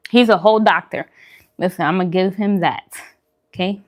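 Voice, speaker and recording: Speaking slowly in a mid-range voice, this woman hosts a food and vlog channel. She answers viewer questions in a relaxed eating-show chat, conversational and informal, repeating phrases to stress them.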